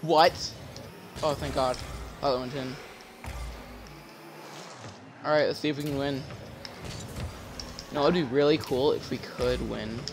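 A young man commentating his own gameplay, excitable, yelping and shouting at plays, faint game music behind. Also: medium pitch, normal speed, pauses often, background noise. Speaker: gamer.

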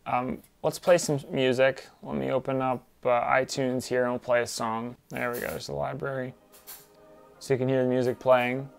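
A young man talks through a gear demo in a small room, his voice clear and smooth at mid pitch. He keeps it casual and plain, stringing thoughts together with easy "so" and "okay". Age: young adult. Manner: relaxed and plain-spoken, with frequent "okay" and "so". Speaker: tech trainer. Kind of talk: casual how-to demonstration. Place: small room at a desk, indoors.

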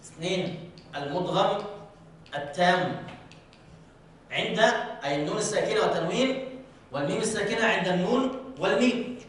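A man teaching Quran recitation to a class, drawing out his recited examples slowly and often asking students whether they follow. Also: sits high, a bit bright. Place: large mosque hall. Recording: very echoey hall, from far off.

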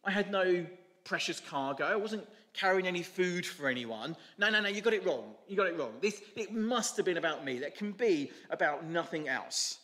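A man putting on a bragging high-voiced donkey. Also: moderate pace. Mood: boastful. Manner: excited, bragging, high-pitched. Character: boastful self-important male donkey. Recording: echoey church hall.

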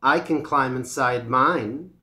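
A man voicing a proud, possessive male leopard in a storybook reading, giving loud, curt replies. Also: medium pitch, slow pace. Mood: boastful.

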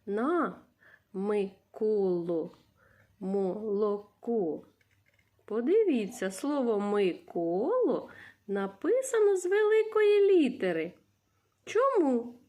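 A woman teacher with a Ukrainian accent giving a reading lesson to young children, sounding out syllables in a sing-song way and coaxing the class with gentle questions. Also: a little high. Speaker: primary school teacher.

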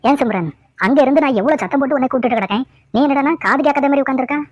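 A woman's voice: sits high, very fast, no room sound. A woman voicing a nagging cartoon mother-in-law. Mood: scolding. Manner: scolding, repetitive nagging. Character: scolding middle-aged mother-in-law, nagging and fussy. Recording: dull lo-fi dry audio.

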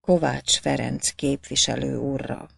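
A woman voicing a poor, humble peasant man who speaks quietly and stammers in shame. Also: sits low, creaky, no echo.

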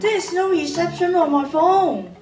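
A teenage girl with a very high, lively but unhurried voice plays a sensible, reassuring schoolgirl explorer in a radio drama, sounding steady and concerned. She's recorded on a studio theatre stage by a far camera, so the sound is echoey and distant, with music in the background.

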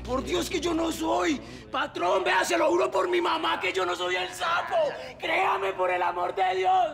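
A shrieking, begging suspect. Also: male voice, very high voice, fairly even intonation, unhurried, vocal fry, shouting, a crowd in the background, heavily acted. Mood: desperate pleading. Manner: pleading desperately, swearing on his family. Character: terrified male snitch suspect begging his boss.

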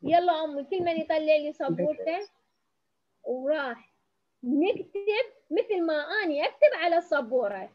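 A woman's voice: high voice, animated, normal speed, dull audio. A woman with an Iraqi Arabic accent giving a demonstration lesson for teachers. She coaxes pupils with endearments and sounds out syllables. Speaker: educational supervisor.

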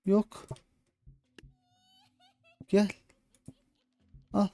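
In this let's play, a gaming channel host with a Turkish accent mutters about his strategy, working through tactics and growing frustrated when attempts fail. He speaks extremely slowly in a mellow voice, with no echo and soft music in the background.

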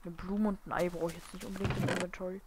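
A woman giving casual gameplay commentary on a desk microphone, muttering and whispering asides to herself, now and then bursting into loud startled shouts. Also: lowish voice, little pitch movement, quick pace. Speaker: let's play gamer. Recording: noisy home mic with hiss and clicks.

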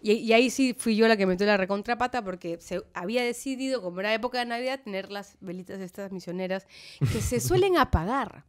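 A woman with a Peruvian Spanish accent, an actress telling anecdotes as a podcast guest in an animated, laughing way. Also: medium pitch, fast. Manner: animated, laughing storyteller who acts out quotes. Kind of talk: casual storytelling interview.

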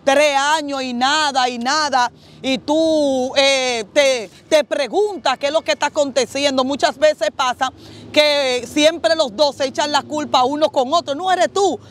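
A woman's voice: high-pitched, steady tone, measured pace. A woman pastor giving an earnest testimony in an interview, often addressing the host by name.

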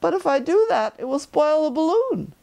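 A woman's voice: high voice, sing-song, normal speed, vocal fry, mellow, voice pushed up, exaggerated voice. A woman voicing a kindly, straightforward young boy with plain, brief replies in a children's storybook. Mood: apologetic, concerned. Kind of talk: children's storybook read aloud.

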